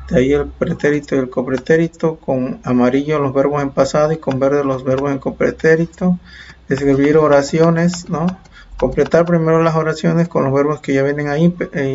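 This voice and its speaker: A man's voice: fairly high pitch, darkish tone. A Mexican man teaching a primary-school video lesson, explaining patiently and repeating himself, with many fillers. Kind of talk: video tutorial for students. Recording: dull lo-fi with faint background noise.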